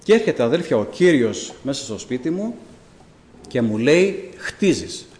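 A man, a deacon, telling his testimony to a church congregation in animated storytelling, acting out the dialogue of the people in it. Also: mid-range voice, long reverb tail.

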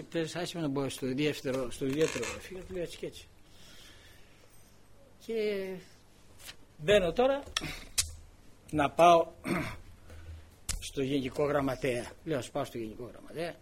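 A man's voice: on the high side, a little hiss or hum. An older man preaching a sermon, telling a personal story and acting out the quoted dialogue with many repeated words.

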